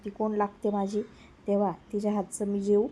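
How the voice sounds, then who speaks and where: A woman's voice: mid-range voice, monotone, a little fast, mellow, slight background noise, lightly acted. Woman voicing a sulking lovesick young man. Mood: sulky.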